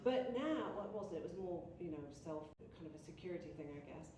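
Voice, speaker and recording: A middle-aged woman, a guest author, telling lively, self-mocking stories at a Q&A, laughing often. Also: fairly low pitch, fast talker. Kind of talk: anecdotal Q&A storytelling. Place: event hall, indoors. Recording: roomy hall from far off, faint noise.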